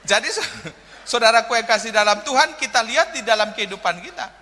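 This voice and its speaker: A man's voice: very high-pitched, normal speed, pushed and bright. A pastor preaching a sermon, telling humorous stories and speaking directly to his congregation. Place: church sanctuary. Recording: reverberant hall with faint noise.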